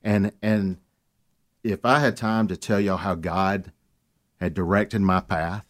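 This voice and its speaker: Earnest man with a lowish voice. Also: slow pace. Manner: earnest, animated storytelling. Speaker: guest. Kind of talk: casual radio chat.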